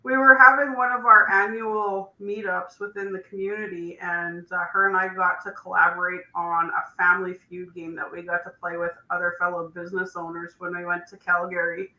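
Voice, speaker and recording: A woman's voice: lowish voice, level tone, normal speed, hardly any pauses, pushed and bright. A woman from Northern Alberta co-hosting a casual video chat, cheerful and laughing easily. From Northern Alberta, Canada. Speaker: co-host. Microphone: video call. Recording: echoey room.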